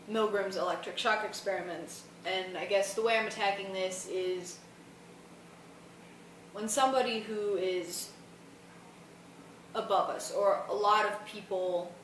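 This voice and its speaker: Tired young woman in an echoey room. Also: mid-range voice. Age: young adult. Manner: tired, loose and colloquial. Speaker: student vlogger. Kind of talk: casual rambling explanation. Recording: roomy, distant mic, faint noise.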